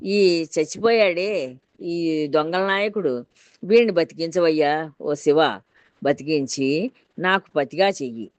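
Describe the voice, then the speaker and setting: A woman's voice: sits low, slow, pauses often, no room sound, highs cut off. Woman doing a young merchant's daughter, earnest pleading, storybook read, dry.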